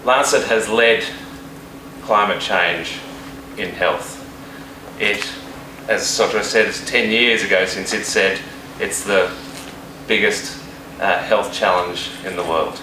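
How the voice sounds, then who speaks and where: A man with a very deep voice gives an earnest, measured speech as a university dean. He sounds distant, and his words echo around a hall. A steady hum of air conditioning runs underneath. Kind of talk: speech at a launch event. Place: event hall. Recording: distant and echoey with room hum.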